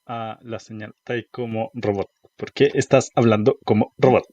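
A man's voice: lowish voice, steady tone, moderate pace, warm tone, dry recording, highs cut off. A man with a Chilean accent co-hosting a live radio show, teasing his partner in casual chat. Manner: teasing, playful.

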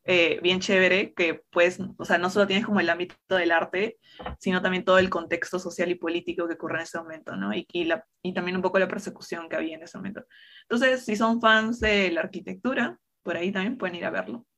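Young woman, relaxed co-host. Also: on the low side, a little fast. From Peru. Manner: relaxed, conversational, with many fillers. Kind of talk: casual talk show chat.

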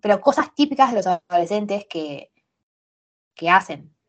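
A young woman with a Rioplatense Spanish accent, co-hosting a podcast in casual, animated chat full of slang and restarts. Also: mid-range voice, normal speed, dull audio. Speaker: podcast co-host.

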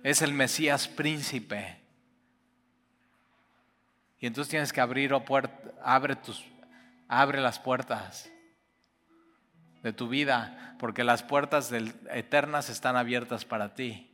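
Man preaching, bright forceful voice, long hall reverb over soft guitar. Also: mid-range voice, slow, pauses often. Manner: impassioned, swings from loud to hushed. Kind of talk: sermon.

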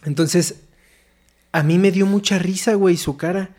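High-voiced Mexican man telling a story. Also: steady tone, normal speed, a little mellow. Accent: Mexican Spanish. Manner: slangy, swears a lot, acts out quotes. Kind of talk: casual chat.

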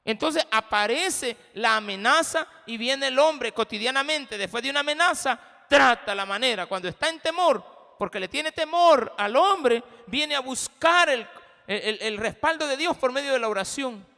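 A man's voice: extremely high pitch, expressive, moderate pace, creaky, pushed and bright, long reverb tail. A man with a Salvadoran accent preaching a sermon as pastor, impassioned and speaking straight to the congregation. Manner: impassioned, addresses the congregation directly.

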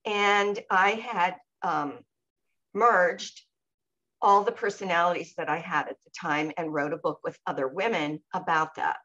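A woman co-hosting a podcast, sharing her personal experience in a reflective, measured way and pausing to search for words. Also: fairly low pitch, steady tone, pushed and bright, dull audio. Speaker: podcast co-host.

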